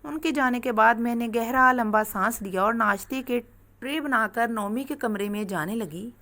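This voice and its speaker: A woman narrates a first-person story in a steady, earnest manner. Her voice sits fairly high. The reading is scripted and even. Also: normal speed.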